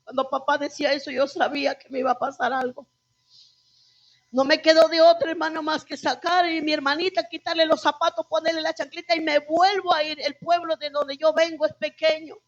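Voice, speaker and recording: A woman's voice: high voice, steady tone, fairly quick. A woman pastor telling her testimony to a congregation, emotional and calling them brothers. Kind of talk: testimony sermon. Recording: dull lo-fi church recording.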